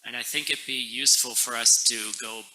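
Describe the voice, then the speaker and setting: A man teaching a class in a relaxed, joking way, correcting himself as he explains a text. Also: mid-range voice, brisk, poor audio.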